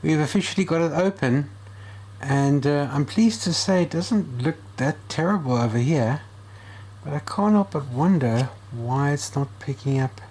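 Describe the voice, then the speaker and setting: Thinking aloud as he works, a radio repair hobbyist hosts a casual, hands-on repair vlog. His voice is on the high side and a little mellow, with lively intonation at normal speed. The background noise is clear.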